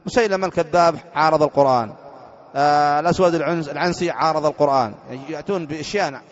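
A religious teacher from Yemen delivers a lecture, his voice sitting a bit high for a man. He keeps turning to his listeners with rhetorical questions and then answers them himself. The recording is dull and lo-fi. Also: rapid-fire. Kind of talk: explaining a creed text in a lecture.

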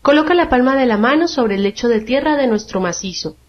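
A woman's voice: fairly high pitch, expressive, a little fast, close to an everyday voice. A woman voicing a haughty, irritable talking tiger lily in a storybook reading, bossy and imperious. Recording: dull lo-fi radio sound.

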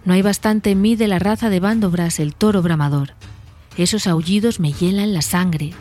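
A woman's voice: on the low side, normal speed, darkish tone, soft background music, natural voice. A woman voicing Pippin, a young male hobbit, fretful and frightened.

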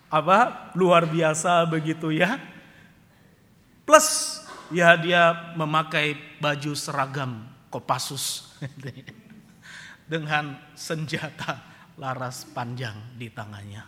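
A male pastor preaching emphatically in a church, swelling to loud declarations and dropping low for storytelling. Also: extremely slow, pauses often. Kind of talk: sermon. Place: church hall. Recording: reverberant church hall.

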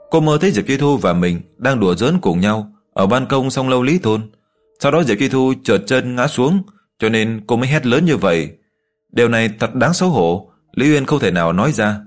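A man reading a fantasy story aloud in steady, even scripted narration. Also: medium pitch.

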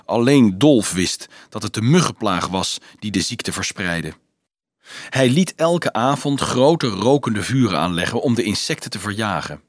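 A man reading a youth novel aloud in calm, even scripted narration. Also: fairly low pitch, unhurried, no room sound, studio quality. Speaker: audiobook narrator.

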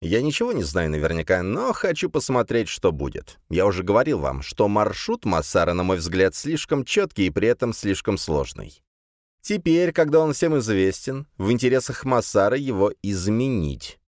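A man voicing a calm, enigmatic police commissioner who speaks softly and unhurriedly. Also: lowish voice, normal speed, no echo, studio quality.

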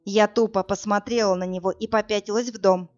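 A woman reading a first-person crime novel aloud in a steady, dramatic storytelling voice. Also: medium pitch, brisk, dull audio, soft background music. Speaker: audiobook narrator.

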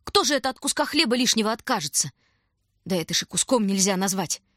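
A woman voicing a muddled male stranger who talks in a squeaky voice and mumbles, rambling as if to himself. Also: lively intonation, fast, fairly bright tone, no echo, clean studio sound, lightly acted. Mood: muttering.

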